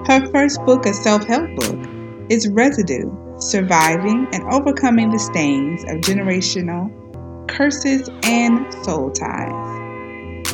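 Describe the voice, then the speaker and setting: A woman announcer delivers a scripted podcast introduction at a medium pitch. Music plays clearly behind her voice. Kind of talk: scripted promotional narration. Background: loud music.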